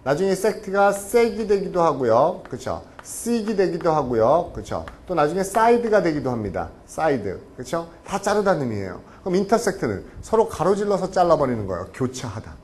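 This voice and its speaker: A man lectures on vocabulary with a somewhat high voice and lively delivery. He keeps asking his students rhetorical questions and acts out short scenes along the way. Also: normal speed, few pauses, a little hiss or hum. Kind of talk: lively lecture with acted anecdotes.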